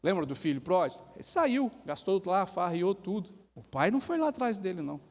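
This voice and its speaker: A Brazilian man preaches in a church, his voice sitting a little high for a man. He drives his points home with rhetorical questions and brief acted-out quotes. A long reverb from the hall trails behind each phrase. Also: very animated, fairly quick, a little mellow. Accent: Brazilian Portuguese. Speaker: pastor. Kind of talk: sermon.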